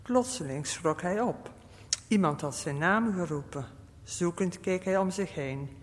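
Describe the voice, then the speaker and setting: A narrator reading a story aloud in a calm, steady manner. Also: mid-range voice, a little slow. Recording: long reverb.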